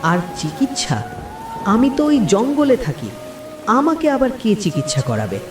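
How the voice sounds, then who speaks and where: Guy doing a hurt talking pony for a kids cartoon, highish voice, echoey and off mic, music behind. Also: huge pitch swings, a little slow, distant mic, full character voice. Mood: resigned. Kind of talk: cartoon fairy-tale voice acting.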